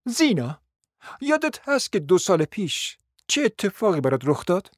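A man's voice: high voice, big pitch swings, no room sound, clean studio sound. A man playing a proud, scheming middle-aged mother who pleads insistently and at length, acted as a radio drama. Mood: pleading. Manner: pleading, insistent and long-winded.

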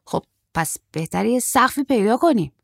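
Woman playing a stocky young surfer guy, high voice, eager, dry close sound. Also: gravelly, husky, no room sound, full character voice. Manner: excited, quick, high-pitched boyish delivery.

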